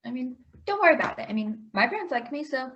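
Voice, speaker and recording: An actress playing a sweet, earnest young boyfriend meeting the parents. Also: female voice, high-pitched, sing-song, quick pace, fairly bright tone, dull audio, a little hiss or hum. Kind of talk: amateur comedy sketch acting.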